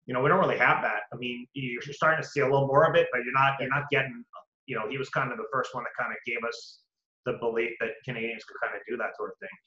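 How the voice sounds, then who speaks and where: A man interviewing a guest in a casual sports conversation, asking quick, conversational questions. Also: mid-range voice, steady tone, pushed and bright. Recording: echoey, dull lo-fi audio.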